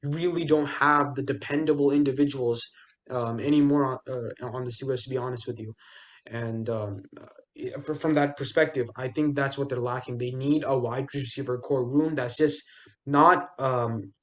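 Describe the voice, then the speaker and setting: A man's voice: mid-range voice, fairly even intonation, normal speed, fairly bright tone. A young man co-hosting a casual sports podcast, talking loosely with lots of fillers, restarts and jokey asides. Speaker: podcast co-host.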